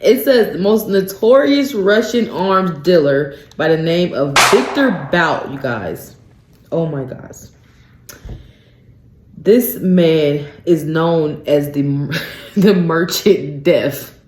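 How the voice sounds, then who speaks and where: Woman radio host, solo talk commentary, unhurried delivery, incredulous ranting, roomy echoey studio. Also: sits low, lively intonation, darkish tone. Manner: incredulous ranting, peppered with "you guys" and "um".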